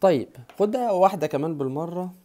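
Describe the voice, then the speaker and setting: A young man with an Egyptian Arabic accent, teaching an online English lesson with energy, drilling words slowly and having viewers repeat them. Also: sits high, expressive, warm tone.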